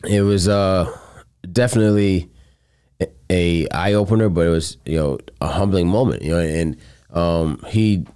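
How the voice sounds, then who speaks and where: With a strikingly deep, smooth and resonant voice, a man tells a story in relaxed conversation at a measured pace. He speaks earnestly in loose, rambling phrases, dropping casual swears along the way.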